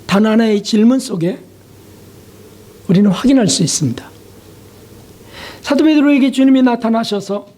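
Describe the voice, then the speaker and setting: A male pastor preaching a sermon, confessional and emotional, with pauses, sudden soft drops and rhetorical questions to the congregation. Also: very high-pitched.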